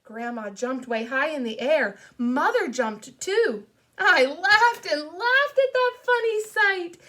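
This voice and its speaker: A woman's voice: high voice, expressive, takes it slowly, bright, forceful tone. A woman narrating a children's audiobook in a playful, childlike storytelling voice.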